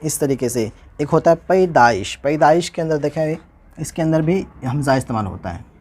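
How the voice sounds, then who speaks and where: A man teaching Urdu handwriting, spelling each word slowly and repeating it, often asking how the letters are joined. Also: a little high, expressive, darkish tone. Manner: slow, patient, repeats each word and asks "how will we join this?". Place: indoors, recording a tutorial without a camera.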